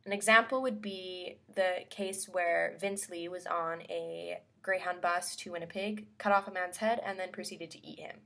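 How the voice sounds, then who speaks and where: A woman's voice: on the low side, steady tone, moderate pace, vocal fry, few pauses, a bit bright. A woman hosting a talk segment, delivering a scripted opinion monologue with emphatic, formally argued phrasing.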